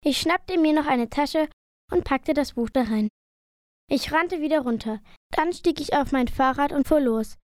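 A woman's voice: sits high, unhurried, dry recording, clean studio sound. A woman reading a first-person story aloud in a plain, uneven reading voice. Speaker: narrator.

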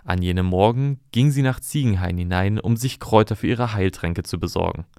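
A man calmly reading a fairy tale aloud in an even storytelling manner. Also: on the low side, fairly quick, clear, resonant tone, no room sound, studio quality.

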